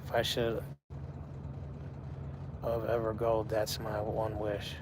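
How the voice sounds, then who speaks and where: A man's voice: lowish voice, monotone, slow, noisy background. A man in his forties, chatting casually on a livestream and talking to his viewers by name. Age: 40s. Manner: laid-back, talks to chat viewers by name. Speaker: livestream host. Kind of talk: casual live chat.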